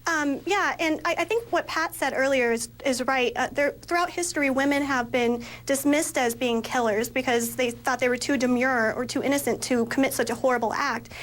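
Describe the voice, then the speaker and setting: A woman author commenting on a television panel, measured, with occasional hesitations. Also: high-pitched, a bit bright.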